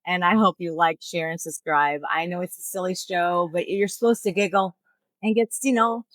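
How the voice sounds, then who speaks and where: A woman's voice: lowish voice, fairly even intonation, normal speed, dry recording, poor audio. A middle-aged woman hosting a sports picks show, chatty and joking. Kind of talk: casual chat.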